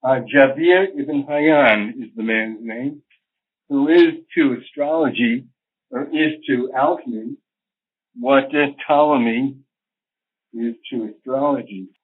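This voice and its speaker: Older guy on a phone line, scholarly and rambly, lots of uhs, middling pitch. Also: takes it slowly. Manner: digressive, scholarly, with many fillers. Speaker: astrologer guest. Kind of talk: reflective interview answers.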